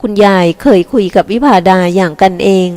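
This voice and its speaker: A woman reading a novel aloud in a calm, steady storytelling voice. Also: medium pitch, a little fast, big-room sound. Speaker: audiobook reader. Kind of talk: scripted narration.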